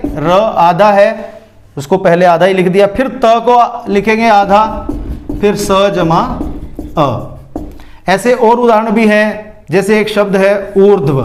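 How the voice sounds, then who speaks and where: Slow, high-voiced Indian grammar teacher. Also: male voice. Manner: slow, patient, spells words out piece by piece. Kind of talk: whiteboard lesson explaining spelling breakdown.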